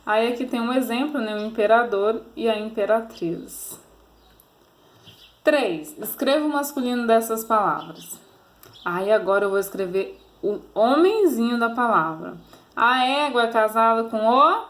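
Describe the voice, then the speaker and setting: A woman teacher with a Brazilian Portuguese accent walks young pupils through a grammar lesson. Her voice sits a little high, and she talks patiently, coaxing answers with leading questions. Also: expressive, unhurried. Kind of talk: recorded grammar lesson for children.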